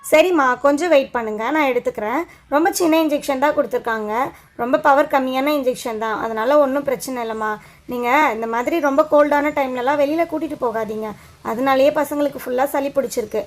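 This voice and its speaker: A woman's voice: high voice, fast talker, natural voice. A woman voicing a patient adult nurse doll who soothes and coaxes a frightened child in a doll show. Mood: coaxing. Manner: soothing, coaxing, explaining step by step.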